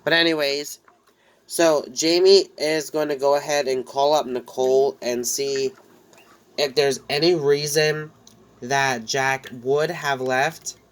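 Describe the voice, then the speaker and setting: A man with a cold, his voice slightly nasal, narrates a life-simulation game story for a casual let's-play. His mid-range voice is clear and resonant, steady and slow, though his telling rambles and often starts over.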